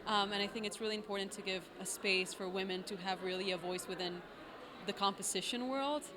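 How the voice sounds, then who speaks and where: A young woman composer from Argentina, answering interview questions in a relaxed way and often saying "like". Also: medium pitch, fairly quick. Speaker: composer and singer. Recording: noisy background.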